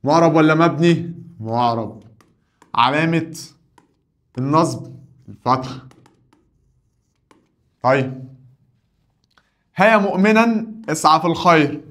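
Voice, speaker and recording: A man's voice: a little high, lively intonation, unhurried, long pauses, fairly bright tone. Egyptian man drilling grammar questions. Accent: Egyptian Arabic. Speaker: Arabic teacher.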